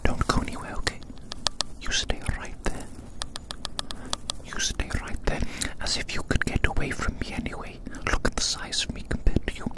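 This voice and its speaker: Whispering breathily at normal speed, an ASMR performer plays a gloating giant toying with tiny prey, repeating and savouring phrases with playful menace.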